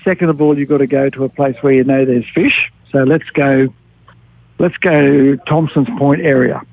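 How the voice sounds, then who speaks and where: A man's voice: medium pitch, fairly even intonation, moderate pace, gravelly. A man giving a laid-back, colloquial fishing report as a radio guest. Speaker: fishing tackle shop expert, radio guest. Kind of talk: casual fishing report chat. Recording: thin phone line on radio.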